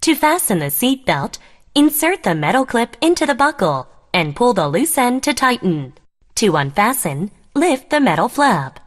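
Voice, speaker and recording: A woman reading a scripted plane cabin safety announcement in a formal, measured way, as a flight attendant. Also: a little high, sing-song.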